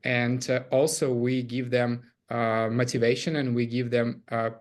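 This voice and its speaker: In a webinar presentation, a camp CEO speaks with a Ukrainian accent at medium pitch. His delivery is flat and halting, full of hesitant filler pauses.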